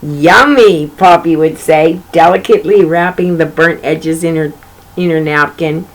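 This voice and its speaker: A low-pitched woman reads a picture book to children at a measured pace, hosting the session and chatting straight to her young listeners with asides and repeated phrases. It's a low-quality recording.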